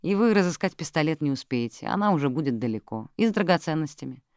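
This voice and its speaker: A reader voicing a weary woman writer who explains a crime calmly and plainly. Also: low-pitched, fast, a little hiss or hum. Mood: explaining. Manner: tired, matter-of-fact explaining. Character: weary female mystery writer, calm and sharp.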